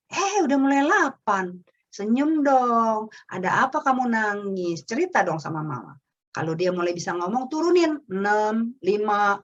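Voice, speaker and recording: A woman speaks in a webinar on parenting, walking listeners through each idea and slipping into what a parent might say to a child. Her voice sits at a middling pitch for a woman. The audio is slightly dull and lo-fi. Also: a bit bright. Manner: explanatory, acts out parent-child exchanges. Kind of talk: webinar talk.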